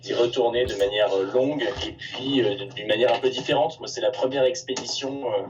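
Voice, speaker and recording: A man's voice: medium pitch, steady tone, brisk, slight background noise. A man from an expedition crew, speaking casually and hesitantly, often repeating himself. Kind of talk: casual talk on a video call. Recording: distant, dull call audio.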